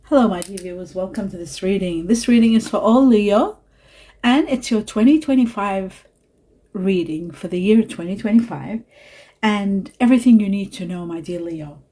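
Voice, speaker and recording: Soft-spoken woman giving a tarot reading. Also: mid-range voice. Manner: soft, unhurried and reassuring, with fillers and asides. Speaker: tarot reader. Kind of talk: spiritual card reading to camera.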